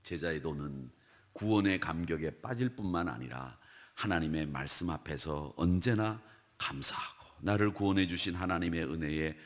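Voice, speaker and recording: A male pastor preaching at a dawn prayer service in a conversational way, asking his listeners questions and acting out what others said. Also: normal speed. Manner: animated, acts out quoted speech with big swings in pitch and loudness; conversational, asks the congregation rhetorical questions.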